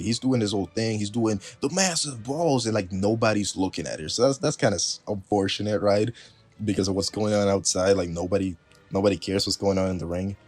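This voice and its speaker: A man's voice: lowish voice, a little mellow, dry recording. A man casually recapping a wrestling show, chatty and laughing, with lots of fillers.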